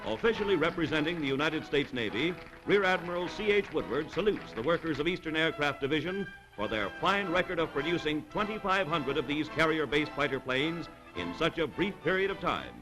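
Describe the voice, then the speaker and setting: A man's voice: fairly high pitch, low-quality recording. Man narrating an old 1940s newsreel. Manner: brisk, upbeat announcer delivery. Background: music.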